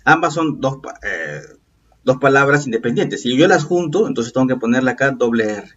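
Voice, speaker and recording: A man teaching a recorded review lesson, explaining patiently and checking in with quick "okay?" and "right?" questions. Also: medium pitch, lively intonation, a bit bright, slightly rough. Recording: distant, dull lo-fi voice.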